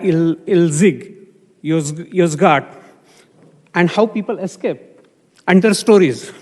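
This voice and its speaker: A man from India giving a public comment at a city council meeting, halting with many fillers and restarts. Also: high-pitched, a little mellow. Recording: long hall reverb.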